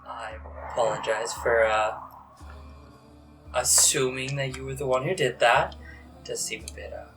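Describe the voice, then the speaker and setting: A man playing a tabletop game, talking casually in a hesitant, halting way. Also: mid-range voice, steady tone. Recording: distant mic, loud background music. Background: loud music.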